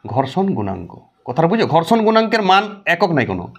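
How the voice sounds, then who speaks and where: A man's voice: a little high, sing-song, brisk, muffled recording. A man teaching a physics lesson, asking the class questions and answering them himself. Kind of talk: classroom lecture.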